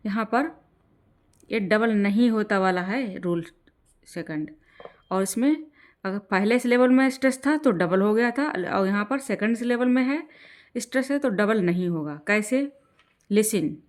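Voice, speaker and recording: A woman teaching an exam-prep grammar lesson in Hindi, slowing down when she reads rules aloud and often checking in with "ठीक है". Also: mid-range voice, a little mellow. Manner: explains in Hindi, slows down to read English rules aloud; repeats "ठीक है" to check in with learners.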